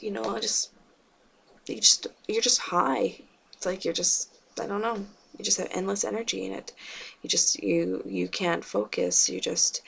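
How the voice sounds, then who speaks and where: A woman talking to camera in a personal confessional vlog, subdued and halting, with many fillers and restarts. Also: lowish voice, gravelly, husky. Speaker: vlogger.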